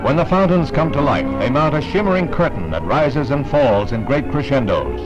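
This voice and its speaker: A man narrating an old 1960s newsreel as a scripted announcer, with lively announcer delivery. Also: normal speed. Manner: lively announcer delivery with broad pitch swings. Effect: old 1960s newsreel sound. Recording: dull lo-fi 1960s newsreel with loud music.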